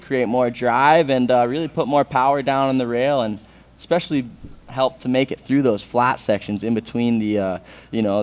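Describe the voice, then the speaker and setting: Clear-voiced man commentating a surf contest. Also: medium pitch. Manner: explanatory, conversational. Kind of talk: live sports commentary.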